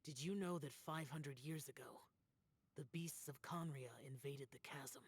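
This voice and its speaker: A man with a fairly high, slightly breathy voice speaks a little slowly, voicing a solemn, aloof young immortal demon-slaying warrior burdened by karma in scripted fantasy game acting. His delivery is grave, guarded, restrained and resolute, with background music behind him.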